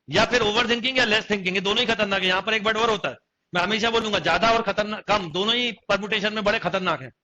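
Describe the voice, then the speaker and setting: A young man lectures a maths class in a high, very bright voice, constantly checking that the students follow. The recording is dull and lo-fi, like a streamed coaching session. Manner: questioning students, repeating phrases. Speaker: maths teacher.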